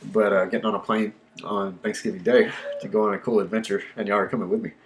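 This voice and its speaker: A man's voice: lowish voice, steady tone, quick pace, a little hiss or hum. A man, casually talking through a hot pepper tasting in a rambling, laid-back way, sighing and puffing from the burn. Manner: laid-back, rambling, lots of ums and likes. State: panting and sighing from chili burn. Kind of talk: casual unscripted vlog.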